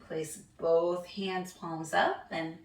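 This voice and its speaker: A young woman guides a hand massage practice in a relaxed, chatty way. Her voice is low with a gravelly edge. She sounds a little away from the mic in an echoey room. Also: extremely slow, far from the mic. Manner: relaxed, chatty, laughs at herself. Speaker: yoga instructor.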